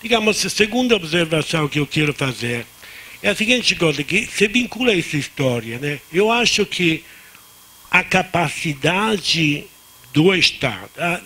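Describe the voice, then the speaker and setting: As a panel discussant at a conference, a native Italian man from Italy talks without a script, repeatedly restarting words and lapsing into Spanish in his Italian accent. He speaks at normal speed in a slightly high, expressive, husky voice with a sharp edge.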